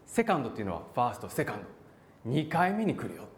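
A man preaching a sermon, animated, acting out voices and calling out for emphasis. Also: medium pitch, very fast. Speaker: pastor. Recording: echoey hall.

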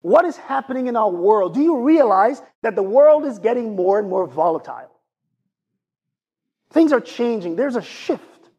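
A man's voice: sits high, big pitch swings, normal speed, a little mellow, slightly rough, lo-fi sound. A man with a Jamaican accent preaching a sermon to his congregation, asking them rhetorical questions as a pastor.

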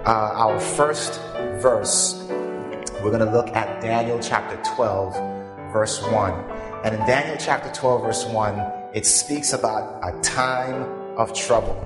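A man delivering a sermon in a deliberate, rhetorical manner, as a preacher addressing a congregation. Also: on the low side. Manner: deliberate, rhetorical, pausing for audience to fill in words. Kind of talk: sermon with scripture readings and questions to the congregation. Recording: echoey hall, long reverb, music behind.

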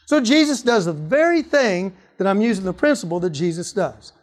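Guy preaching about apologetics, pretty high voice, keeps throwing questions at the crowd. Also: normal speed. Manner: animated, asks rhetorical questions. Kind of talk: teaching on apologetics.

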